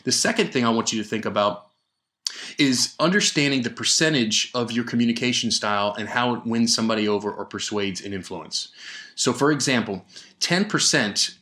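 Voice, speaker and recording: Energetic man hosting a sales podcast. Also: medium pitch. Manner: energetic, emphatic, with frequent restarts and rhetorical questions. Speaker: podcast host and sales trainer. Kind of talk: solo podcast coaching talk. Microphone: studio microphone.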